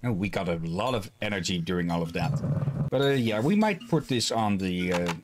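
A middle-aged man giving casual live game commentary, thinking aloud in a halting way as he plays. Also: on the low side, animated, noisy background. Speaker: game streamer. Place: small cluttered room at home. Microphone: headset.

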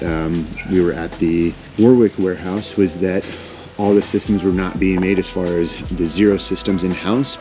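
A man in his thirties hosting a casual, upbeat walk-through tour of a large warehouse on a lapel mic. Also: low voice. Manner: upbeat, enthusiastic. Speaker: vlog host.

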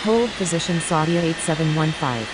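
In a simulation game, a woman plays an air traffic control and pilot radio voice, delivering clipped, formulaic aviation phrases in a businesslike, matter-of-fact way. Her voice is low with lively intonation at a normal speed. The audio is hissy and clearly noisy, like a radio.

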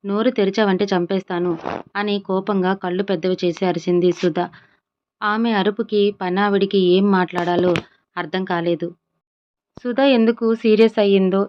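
A woman's voice: mid-range voice, steady tone, normal speed, smooth, muffled recording. A woman telling a serialized romance story aloud, narrating and voicing each character's lines herself. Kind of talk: Telugu audio story narration with voiced dialogue.

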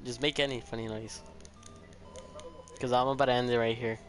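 A man's voice: medium pitch, little pitch movement, moderate pace, soft background music. A man giving casual, exclamatory gameplay commentary as a streamer, chatting and reacting to what happens. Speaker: video game streamer. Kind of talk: casual gameplay commentary with dialogue read aloud.

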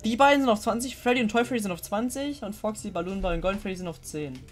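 A young woman streaming a horror game live, chatting with viewers, giggly and excitable, often laughing and shrieking. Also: mid-range voice, fast, soft background music. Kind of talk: live-stream gameplay commentary.

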